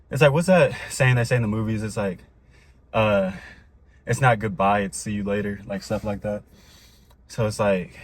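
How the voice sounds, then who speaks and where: A man's voice: low-pitched, darkish tone, slight background noise. A young man talking casually and upbeat in a vlog, a little out of breath, with rambling fillers. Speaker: vlogger. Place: Dallas, Texas.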